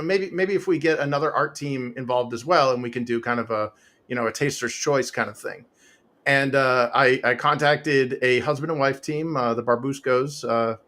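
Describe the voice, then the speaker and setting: This comic author, a man in his forties or fifties, is an interview guest speaking into a home podcast mic with a pop filter. His mid-range voice has a fairly bright tone, and his loose, rambling chat is full of fillers, restarts and laughter.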